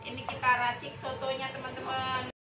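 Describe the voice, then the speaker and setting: A woman in her thirties hosts a casual home cooking vlog from her kitchen, chatting with viewers like they're friends. Her high voice sounds nasal and stuffed up from a cold, and she talks at a moderate pace in a completely flat way. Music plays underneath, and the kitchen recording is noisy.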